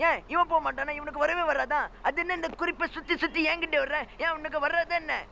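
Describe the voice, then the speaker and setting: A man talks through a game in an excitable, mocking way, piling up exclamations. His voice sits very high, with a gravelly edge and a bright, sharp tone. It is comic gameplay commentary from a gaming channel. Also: fast talker, a little hiss or hum. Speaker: gaming YouTuber.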